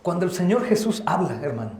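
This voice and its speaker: A man preaching a sermon as pastor, impassioned and rising to loud exhortation. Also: high voice, big pitch swings, quick pace, a little hiss or hum. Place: church hall. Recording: echoey church hall.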